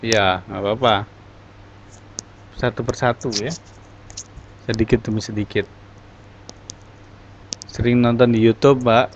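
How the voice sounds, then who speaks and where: In an online lesson recorded with dull, lo-fi sound and faint noise, an English teacher explains things step by step and encourages his students. His voice is mid-range and steady, and he speaks unhurriedly, leaving long pauses.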